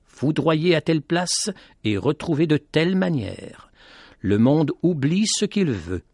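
A man hosting a radio program, reading a story aloud in a measured, dramatic way. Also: on the high side, sing-song, a little mellow, slightly rough, no echo, studio quality. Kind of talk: scripted story narration.

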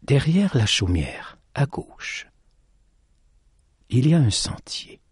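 A man voicing a wise older woman of the mountain in a storybook, speaking softly and slowly, often hushed. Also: mid-range voice, big pitch swings, breathy edge, dry recording, studio quality, exaggerated voice. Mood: gentle. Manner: soft, slow, often hushed.

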